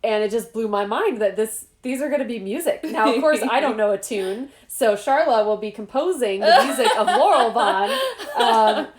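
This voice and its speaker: A woman author hosting a casual chat at home, bubbly and laughing often with animated asides. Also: on the high side, moderate pace, a little hiss or hum. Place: home room. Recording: echoey room.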